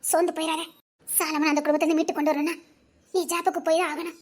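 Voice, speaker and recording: A woman's voice: very high voice, level tone, fast talker, voice pushed down. Woman doing a firm, supportive girlfriend. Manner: firm, reassuring advice. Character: firm, supportive female friend. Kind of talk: web drama acting.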